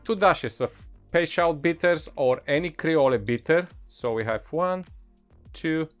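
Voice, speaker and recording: Male cocktail instructor, accented non-native English, lighter pitch, upbeat and direct to viewer, faint music underneath. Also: unhurried. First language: not English. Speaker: bartender presenting cocktail recipes. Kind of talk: instructional cocktail tutorial, casual. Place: indoor bar set, behind counter.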